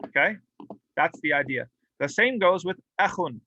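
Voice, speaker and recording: A man's voice: fairly high pitch, animated, moderate pace, sharp tone, breathy edge, muffled recording. A man teaching a classroom grammar lesson, explaining patiently and drilling example words aloud with light humor. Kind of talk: classroom lecture. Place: mosque classroom.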